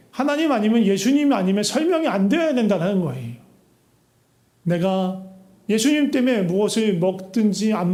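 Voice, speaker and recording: A man with a high, mellow voice preaches an earnest sermon, pressing his listeners with rhetorical questions. His words ring out through an echoey church hall. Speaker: pastor. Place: church sanctuary.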